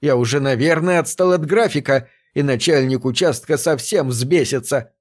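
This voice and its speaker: A man's voice: medium pitch, moderate pace, close to an everyday voice. A man voicing a meek, bewildered work robot in an audiobook, speaking in a plaintive, aggrieved way. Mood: upset, insistent. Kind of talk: audiobook reading of a science fiction story.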